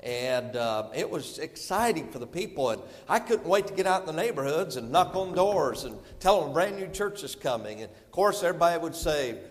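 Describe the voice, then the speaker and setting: A man's voice: on the high side, very animated, brisk, hardly any pauses, long reverb tail. A middle-aged man with a North Carolina accent preaching as a visiting preacher, folksy and rambling with many fillers. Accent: North Carolina Southern. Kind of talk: sermon. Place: church sanctuary.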